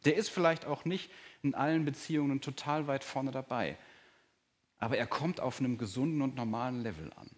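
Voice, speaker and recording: A man delivers a sermon in a plain mid-range voice. He talks earnestly to his congregation and shifts between brisk explaining and soft, slow emphasis. The talk is recorded in a church hall. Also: medium pitch. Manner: earnest, varies pace and volume, drops to soft, slow emphasis. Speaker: pastor.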